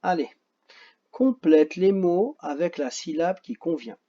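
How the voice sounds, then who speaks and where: A man with a French accent teaching a phonics lesson to children, slow and patient, repeating each word carefully and joking about his own memory. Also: fairly high pitch, very animated, mellow, highs cut off.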